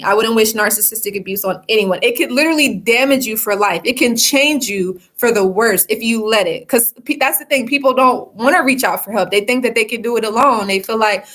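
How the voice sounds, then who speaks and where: A woman's voice: on the high side, a little fast, few pauses, fairly bright tone. A woman in her thirties, a life coach, talking casually to livestream viewers and rambling with lots of fillers like "you know" and "like". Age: 30s.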